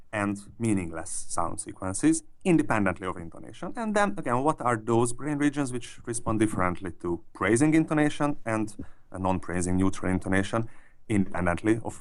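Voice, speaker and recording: A man, a scientist, explaining his research in an interview, with many pauses and restarts. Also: fairly low pitch. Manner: hesitant, many restarts and fillers. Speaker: neuroscientist interviewee.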